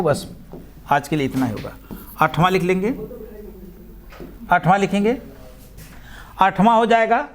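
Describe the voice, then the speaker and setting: A male teacher, dictating vocabulary slowly and repeating each word. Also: high-pitched, fairly bright tone. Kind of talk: dictation-style Hindi vocabulary lesson.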